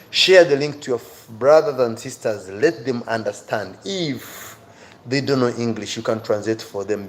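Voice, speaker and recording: A male livestream host teaches English reading skills online at medium pitch, addressing his viewers directly and urging them on with emphatic, repeated phrases, part pleading, part encouragement. The recording is rough, with clear background noise.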